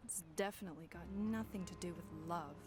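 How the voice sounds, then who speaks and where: A woman's voice: on the low side, fast talker, background noise, natural voice. An actress playing a grieving young woman in a video game, telling her story earnestly and sorrowfully. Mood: sad. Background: game music.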